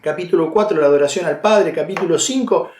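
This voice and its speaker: A man's voice: fairly high pitch, fast, darkish tone, reverberant, a little hiss or hum. A man with an Argentine accent preaching a sermon in a conversational way, with many fillers and restarts. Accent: Argentine Spanish.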